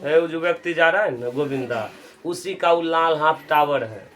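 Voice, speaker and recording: A male teacher giving a casual chemistry lesson, making up funny stories and chanting memory tricks slowly for students to repeat. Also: a little high, a bit bright.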